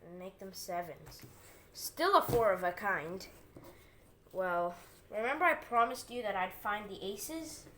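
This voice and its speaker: A woman presents card tricks in informal magician patter. Her voice sits at an average pitch as she explains each move step by step like an amateur tutorial. The recording carries some faint background noise. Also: expressive, measured pace, a bit bright.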